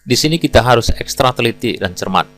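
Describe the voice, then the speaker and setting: A man teaching English pronunciation in a calm, scripted explanatory way. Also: medium pitch, fairly quick. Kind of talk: scripted lesson narration.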